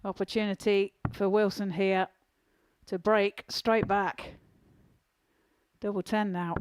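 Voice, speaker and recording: A man's voice: sits high, level tone, slow pace, a little hiss or hum. A man giving live play-by-play darts commentary in clipped phrases that follow each dart.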